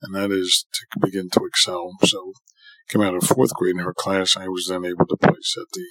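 Fairly quick and sharp-toned, with a breathy edge, this deep, fairly monotone male voice belongs to a middle-aged New York surgeon and professor. He recounts his life for a podcast, earnest and often restating points for emphasis, on a low-quality recording without echo.

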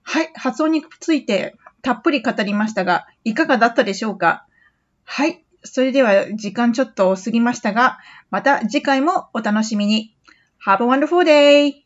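A woman hosting a podcast English lesson, patiently repeating phrases slowly for practice. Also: on the high side, expressive, lo-fi sound. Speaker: English teacher.

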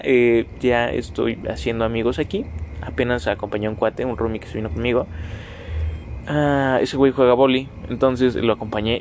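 Rambling nineteen-year-old Mexican podcaster. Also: male voice, medium pitch, a little hiss or hum. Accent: Mexican Spanish. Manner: rambling, self-mocking, swears freely, talks to listeners directly. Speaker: podcast host. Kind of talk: casual solo podcast monologue.

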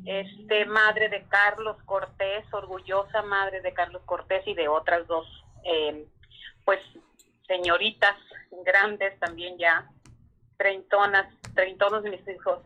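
A woman, calling in over the phone and telling her story in a halting way, often searching for words. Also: mid-range voice, level tone. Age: 60s. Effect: heard over the phone. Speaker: caller. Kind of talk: telling a personal story on a live call-in. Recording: muffled phone line.

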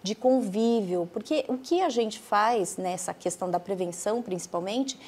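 A woman's voice: medium pitch, normal speed, darkish tone, husky. Female specialist, interview guest who explains patiently. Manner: explanatory, gives advice to parents.

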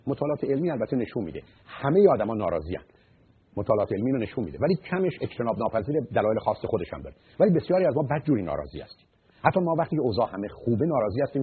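A man, a psychologist, giving blunt, mocking marriage advice in a radio talk. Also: mid-range voice. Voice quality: husky. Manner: blunt, mocking, rises to loud emphatic outbursts. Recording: muffled phone-like radio line.

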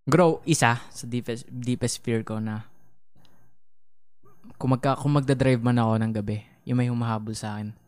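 A man's voice: medium pitch, steady tone, moderate pace, smooth, dry recording. A young man in casual chat with friends, steering the talk with questions. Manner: leads the talk, asks questions.

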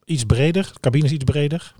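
A man's voice: on the high side, a little fast, dark tone, no echo, studio quality. A man with a Brabant accent, co-hosting a podcast in chatty, enthusiastic casual talk. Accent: Brabant Dutch. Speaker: podcast co-host. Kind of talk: casual chat.

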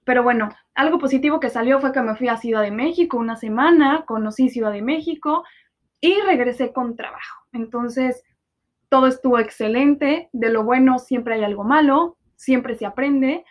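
In a high voice at normal speed, this Mexican podcast host in her twenties talks bluntly and sarcastically in a confessional monologue, cursing freely. The recording has a dull lo-fi quality.

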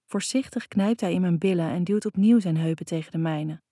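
A woman narrating a first-person romance audiobook in an intimate, even storytelling manner. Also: lowish voice, a little fast, dry recording, studio quality.

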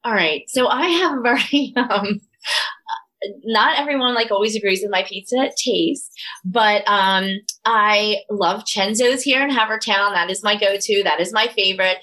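A woman's voice: medium pitch, moderate pace, sharp tone, rough recording. A middle-aged woman with a Delco, Philadelphia-area accent chats casually and enthusiastically as an interview guest. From Delaware County, Pennsylvania, US. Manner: earnest, enthusiastic. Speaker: yoga studio owner, interview guest.

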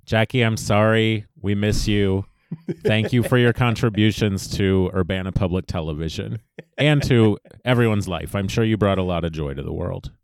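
Brief: young male podcast host, low smooth voice, dry and reflective. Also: moderate pace, dry recording. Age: young adult. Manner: easygoing, reflective, dry humor. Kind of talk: casual chat.

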